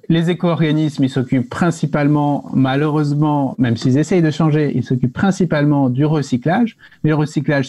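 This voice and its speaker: A man's voice: a little high, dark tone, no room sound. A man giving an unscripted, argumentative panel answer, explaining and making short, firm assertions. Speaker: panelist, activist against planned obsolescence.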